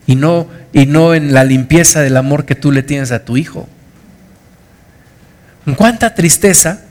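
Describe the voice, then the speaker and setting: A middle-aged man preaching a sermon, earnest and emphatic, repeating key phrases. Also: mid-range voice. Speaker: pastor.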